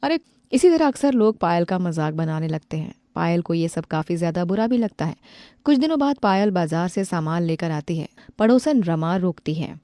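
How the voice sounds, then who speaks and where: Woman telling a cartoon story, mellow warm tone, dry close sound. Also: lowish voice, expressive, moderate pace, dry recording. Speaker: narrator. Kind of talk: scripted story narration.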